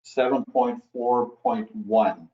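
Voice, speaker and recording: A man's voice: medium pitch, steady tone, takes it slowly, highs cut off. A man on municipal staff reporting procedure to council, hesitant and full of fillers.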